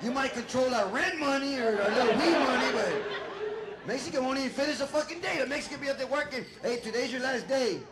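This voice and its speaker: A middle-aged man doing a loud, profane, rambling stand-up set on a club stage, shouting his punchlines. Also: very high voice, quick pace. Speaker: stand-up comedian. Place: comedy club stage with a laughing audience. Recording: echoey live room, loud crowd noise.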